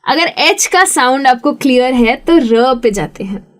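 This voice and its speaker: A woman teaching a spoken English lesson, explaining rules patiently and demonstrating words slowly. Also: high voice, lively intonation, a bit bright.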